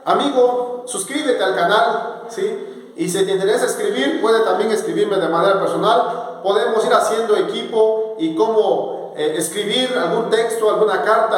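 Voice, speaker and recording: A man from southern Mexico, a native speaker of Zapotec, teaching an alphabet in a casual spoken lesson, drawing out syllables and tones slowly. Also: high-pitched. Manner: slow, drawn-out syllables and tones. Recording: echoey room with long reverb.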